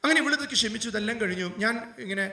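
High-voiced priest guy giving an emotional sermon, sounds far from the mic in a big echoey space. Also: racing. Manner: emotional preaching, rising to loud fervent appeals. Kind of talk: sermon storytelling.

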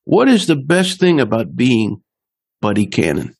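A man's voice: medium pitch, wildly swooping pitch, measured pace, gravelly, slightly rough. A man interviewing a guest in a polite, appreciative, conversational way.

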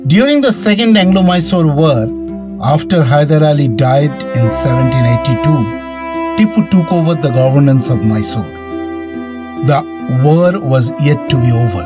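A man's voice: a little high, animated, moderate pace. A man co-hosting and reading a scripted history narration. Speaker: podcast co-host. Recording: music bed under the voice. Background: background music.

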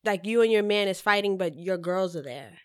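A woman in casual chat, animated and swearing, acting out quotes from a sitcom. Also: mid-range voice, a little fast, clean tone, no room sound, studio quality.

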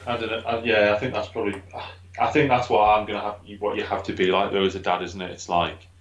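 Very low-voiced guy chatting, echoey room, kinda muffled. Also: little pitch movement, quick pace. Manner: supportive, frequent short agreements. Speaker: podcast co-host, expectant father. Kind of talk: casual podcast chat. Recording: roomy, dull lo-fi sound.

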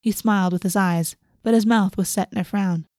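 A woman narrates a fantasy story in audiobook style. Her voice sits at a middle pitch and follows a written text, with a close, dry sound free of room echo. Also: fairly even intonation, brisk, darkish tone. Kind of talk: scripted fantasy fiction narration.

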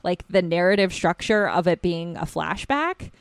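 A woman's voice: lowish voice, expressive, moderate pace, smooth, no room sound. A woman co-hosting a film podcast in casual chat, chatty and laughing often as she goes off on tangents. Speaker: podcast co-host.

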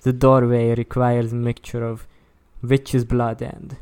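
A woman reading a story aloud with friends, amused and expressive. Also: very deep voice, slow, smooth.

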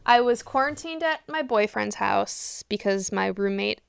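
A woman's voice: medium pitch, lively intonation, unhurried, creaky, smooth, dry recording. A woman co-hosting a podcast, chatting casually and joking bluntly, with some swearing. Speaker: podcast co-host. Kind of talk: casual chat.

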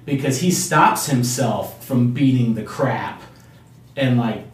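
A man's voice: mid-range voice, slow pace. Man, podcast co-host, eager casual chat, far from the mic, strong room echo. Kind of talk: casual comic book chat. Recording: distant mic, very echoey room.

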